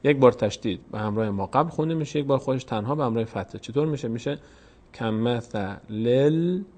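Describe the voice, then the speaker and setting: A man teaching a step-by-step Quran reading lesson, patiently explaining each vowel mark and repeating words slowly. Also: mid-range voice, a little mellow.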